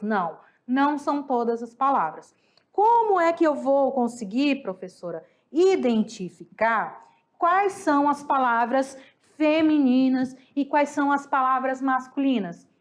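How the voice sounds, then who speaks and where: A woman with a Brazilian accent teaching a recorded Spanish lesson, patiently drilling pronunciation and asking students to repeat words after her. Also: fairly high pitch.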